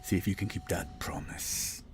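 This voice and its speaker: A man's voice: faint music behind, lightly acted. A man voicing a gloating devil in a tabletop game, drawing out his words with smug mockery. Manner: drawn-out, mocking, smug. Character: gloating, taunting male devil who relishes suffering.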